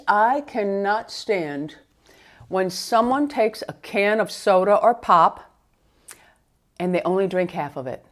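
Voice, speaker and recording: Rambling, chatty woman beauty vlogger. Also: medium pitch. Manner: rambling, conversational, addresses viewers directly. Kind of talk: casual get-ready-with-me chat.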